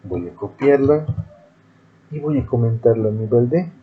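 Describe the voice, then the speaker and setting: A man's voice: mid-range voice, animated, moderate pace, phone-quality sound. A male teacher giving a screen-recorded programming lesson, explaining methodically step by step.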